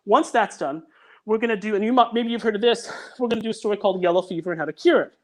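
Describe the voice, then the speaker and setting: A high-pitched man who talks fast joins a casual podcast chat by video call as a guest. He produces audio dramas and speaks in an earnest way, often abandoning a sentence to begin it anew.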